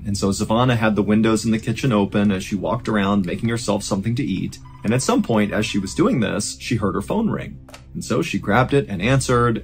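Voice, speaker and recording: A man hosting a podcast, narrating a true-crime story in a casual, conversational way. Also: lowish voice. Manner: casual and conversational, with fillers like "you know".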